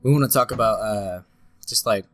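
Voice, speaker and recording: Congested and a bit scratchy from a cold, this young podcast host sounds nasal as he rambles through a casual show, full of fillers and false starts. His voice sits on the low side, with a fairly bright tone at a normal speed.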